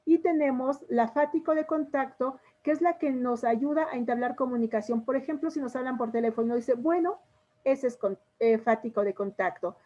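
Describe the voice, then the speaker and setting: High-voiced Mexican woman teacher. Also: fairly even intonation, brisk, hardly any pauses, mellow, highs cut off. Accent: Mexican Spanish. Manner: explanatory, addresses students directly. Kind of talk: online class lecture.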